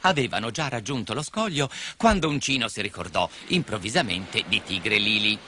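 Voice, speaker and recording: A man's voice: on the low side, lively intonation, fairly quick, sharp tone. A man narrating a children's story expressively, slipping into voices for the characters. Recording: music behind the voice.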